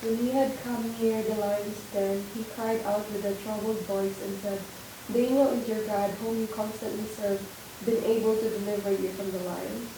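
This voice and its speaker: A woman's voice: medium pitch, fairly even intonation, moderate pace. A woman in the congregation reading Bible passages aloud. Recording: distant, echoey room with hiss.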